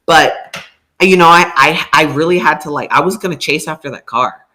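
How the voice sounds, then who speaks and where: Woman, podcast co-host, casual storytelling, profane, animated, sharp tone. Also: deep voice, moderate pace.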